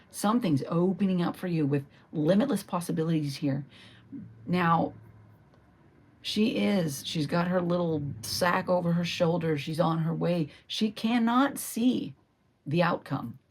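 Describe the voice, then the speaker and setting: Woman, tarot reader, low voice, husky tone, reflective, lingers over cards. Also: darkish tone. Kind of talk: solo tarot reading to camera.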